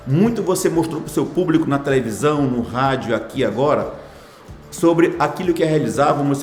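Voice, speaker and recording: With a mid-range voice and a darkish tone, a hospital foundation director in his sixties replies to interview questions. He's formal and ceremonious, reeling off long lists of phrases, and the audio sounds roomy.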